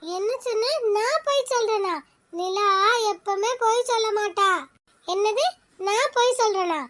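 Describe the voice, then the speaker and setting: A woman's voice: very high-pitched, a bit bright. Chirpy bossy little girl. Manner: chirpy, indignant, quick to argue. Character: bossy older girl, protective big sister. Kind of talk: cartoon voice acting.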